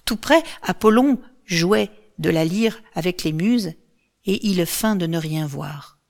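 A woman narrating a story in a calm, even and expressive reading voice. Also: fairly low pitch, takes it slowly, creaky.

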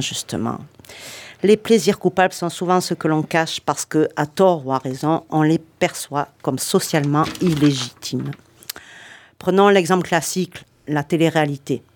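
Playful low-voiced woman columnist. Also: slight background noise. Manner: playful, self-mocking. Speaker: radio show columnist. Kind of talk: reading a light radio column with banter.

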